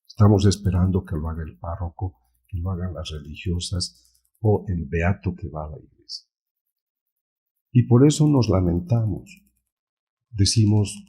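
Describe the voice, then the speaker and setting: A man's voice: low voice, mellow, husky. A man giving an earnest, preacherly symposium talk on faith and science, full of rhetorical questions. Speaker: symposium speaker. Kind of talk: public lecture on faith and science. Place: conference hall.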